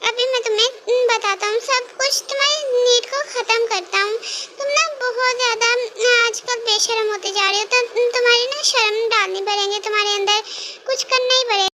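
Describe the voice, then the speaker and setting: A woman's voice: very high-pitched, fairly even intonation, a little fast, very noisy. A woman voicing a possessive, teasing man who coaxes and bosses his fiancée in a fan-dubbed romance. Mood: jealous. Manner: coaxing, bossy, calls her baby girl. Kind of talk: Hindi fan-dub romance.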